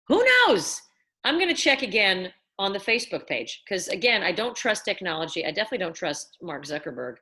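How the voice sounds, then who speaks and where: Brief: tipsy female host, rambling and slightly slurred, bright and lively, swoops high. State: tipsy from wine. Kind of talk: rambling live stream monologue.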